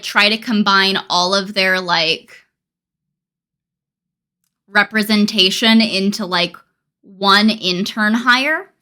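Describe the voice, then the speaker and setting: Bright-voiced young woman streamer. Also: on the high side. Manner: rambling, laughing, dry self-mocking humor. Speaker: live streamer. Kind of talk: casual live-stream chat.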